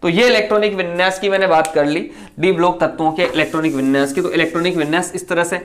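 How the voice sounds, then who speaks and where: Fast-talking male chemistry teacher. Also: high-pitched, steady tone, a little hiss or hum. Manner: explains step by step, asks and answers own questions; speaks quickly. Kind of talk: online lecture.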